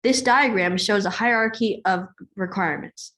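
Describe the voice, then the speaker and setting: A woman's voice: medium pitch, normal speed, a bit bright. Woman reading her project part. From California. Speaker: student presenter. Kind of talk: presenting a school project. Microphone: video call.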